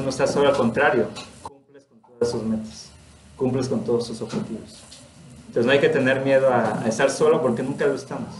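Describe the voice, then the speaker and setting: Earnest Mexican man, roomy echo. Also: medium pitch. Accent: Mexican Spanish. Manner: earnest, personal, laughs often. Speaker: religious study teacher. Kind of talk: informal spiritual talk.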